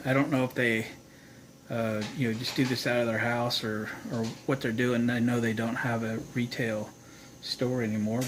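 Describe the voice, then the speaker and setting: A somewhat bright, mid-range voice belongs to this American man presenting a repair how-to video. He speaks in a casual, folksy way and thinks out loud while demonstrating, with background noise clearly present.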